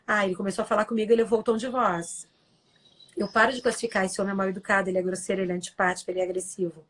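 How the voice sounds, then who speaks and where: As a live-stream guest, a woman talks earnestly and explains things at a rapid-fire pace with a flat delivery and medium pitch. She performs the lines she quotes and keeps checking in with tag questions.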